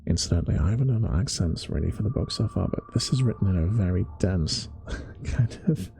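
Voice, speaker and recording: A man reading a book aloud as a bedtime-story ASMR storyteller, talking in a soft, relaxed, self-deprecating way. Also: deep voice, brisk, gravelly, a little hiss or hum.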